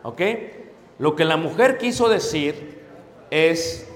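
A man's voice: fairly high pitch, slow. Man preaching in an echoey hall. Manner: acts out husband and wife dialogue with lively voices; asks the audience for agreement. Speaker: pastor. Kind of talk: sermon on marriage to a congregation. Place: church hall. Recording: echoey hall with long reverb.

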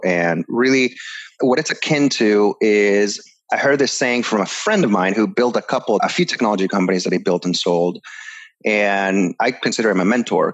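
A man from Ecuador, a guest on an interview show, telling his background in an energetic, casual way. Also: on the low side.

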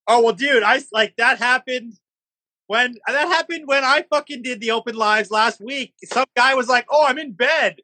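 A man's voice: very high-pitched, moderate pace, bright, forceful tone, no echo. A man co-hosting a live stream, joking bluntly and swearing often in casual banter.

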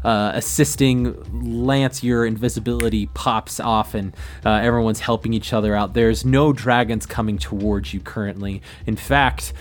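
A man's voice: lowish voice, fairly even intonation, moderate pace. A man acting as game master, improvising narration for a tabletop game.

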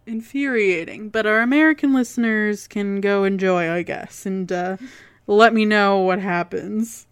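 A woman with a Canadian accent and a clear, smooth voice, co-hosting a podcast and telling local ghost lore in a conversational way. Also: medium pitch, steady tone, measured pace. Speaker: podcast co-host.

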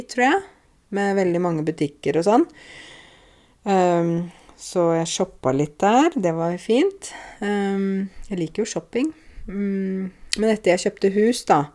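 A young woman in a chatty, clear spoken lesson, telling a story and explaining words to language learners. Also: fairly low pitch, warm tone. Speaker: Norwegian language teacher on YouTube.

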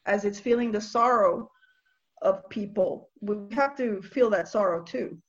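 A woman's voice: mid-range voice, highs cut off. A woman from Nicaragua speaking as an interview guest, earnest and reflective, often restarting her sentences as she talks about faith. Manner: earnest, halting, with many restarts and soft laughs. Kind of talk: reflective spiritual conversation.

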